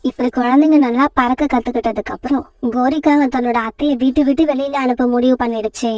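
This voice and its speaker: Brief: woman storybook narrator, high and steady, dry and slightly distant recording. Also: fast talker, no echo, highs cut off.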